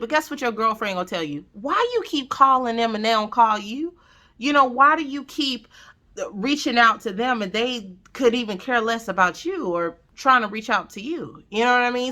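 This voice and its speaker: Bright-voiced woman with a Southern country accent. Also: a little high. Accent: Southern US, with a country lilt. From Southern United States. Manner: emphatic, repeats phrases for stress, checks in with "okay?" and "you know". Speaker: vlogger giving family advice. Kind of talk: casual direct-to-viewer advice talk.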